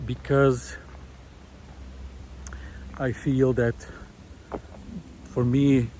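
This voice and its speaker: A man with a low, darkish voice muses while walking through a forest, earnest but hesitant in an unscripted vlog. He's an environmental researcher who used to be a visual artist, and the outdoor recording captures the forest ambience around him.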